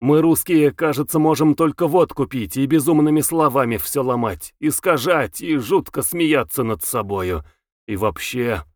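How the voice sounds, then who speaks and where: A man doing a gruff, blunt stern man. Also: mid-range voice, normal speed, no room sound, clean studio sound, close to an everyday voice. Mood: bitter. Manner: blunt, harsh.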